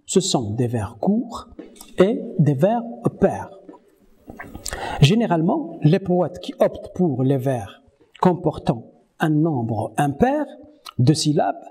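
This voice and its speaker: A man giving a university lecture on French verse, slowly reading poems aloud and counting their syllables. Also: fairly high pitch, mellow, slightly rough. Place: Morocco.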